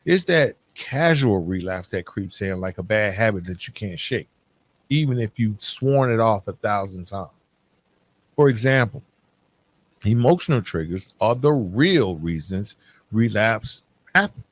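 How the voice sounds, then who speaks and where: With a lowish, animated voice and a slightly slow pace, the solo podcast host talks frankly and loosely, part scripted and part off the cuff. He keeps asking "right?" as he lays out each point.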